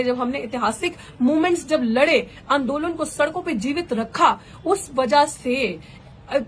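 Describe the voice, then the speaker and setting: A woman's voice: sits high, slight background noise. A woman activist and candidate giving an impassioned live political address, rhetorical and fervent, slipping English phrases into her speech.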